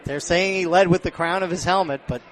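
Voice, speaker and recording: Speaking a little fast in a high-pitched voice, a man gives live radio commentary on a football game. He's miked closely at an outdoor stadium, and the stadium's background noise is clearly heard.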